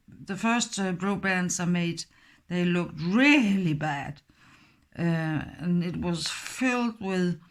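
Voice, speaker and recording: With a lowish voice and a Danish accent, a middle-aged woman, Danish by birth, guides viewers through a craft project step by step. She speaks slowly and haltingly, filling pauses often.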